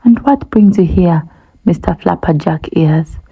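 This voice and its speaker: A woman voicing a crafty, creepy old male crocodile in a storybook read-aloud, sly and breathy. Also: on the low side, unhurried, narrow, tinny audio, heavily acted.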